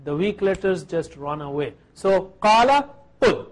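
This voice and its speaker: A man's voice: high-pitched, expressive, slow. A man teaching Arabic verbs to a class, patiently drilling each form and having students repeat after him.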